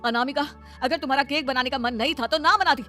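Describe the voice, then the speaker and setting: A woman's voice: high voice, fast, bright, forceful tone, soft background music. A woman voicing a young office-going husband who pleads with his wife and then scolds her, in a cartoon story. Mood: scolding. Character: young husband, office worker, short-tempered. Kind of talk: cartoon voice acting.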